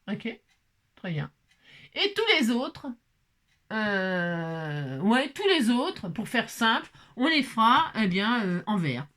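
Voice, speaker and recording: A woman's voice: medium pitch, a bit bright. A woman hosting a craft tutorial, explaining coloring steps in a chatty way, with many fillers and self-corrections. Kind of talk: casual step-by-step craft demonstration.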